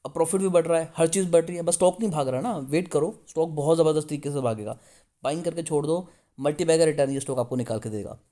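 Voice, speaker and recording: A man's voice: fairly high pitch, fast, dark tone. A man hosting a casual stock analysis video, reading numbers off charts and urging viewers to buy. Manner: pushy, urges viewers to buy; reads figures off a chart. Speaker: stock market video host.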